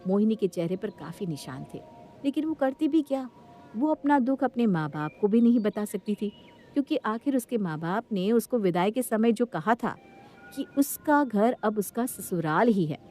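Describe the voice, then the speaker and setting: A woman's voice: medium pitch, moderate pace. Woman narrating a moral story. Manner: steady storytelling.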